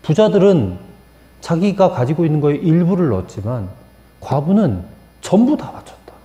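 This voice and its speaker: A man preaching as pastor, his pitch climbing and dropping widely as he swings from quiet explanation to forceful appeals. His voice is mellow and sits slightly high for a man, and it rings with the long reverb of a church sanctuary. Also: moderate pace. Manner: animated preaching, shifting from soft to emphatic. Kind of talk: sermon. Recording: echoey church hall.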